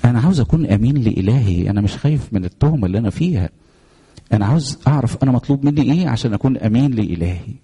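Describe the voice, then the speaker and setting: A man's voice: medium pitch, expressive, very fast, warm tone, husky. A man with an Egyptian accent voicing the young male prisoner Joseph, earnest and eager to serve. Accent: Egyptian Arabic.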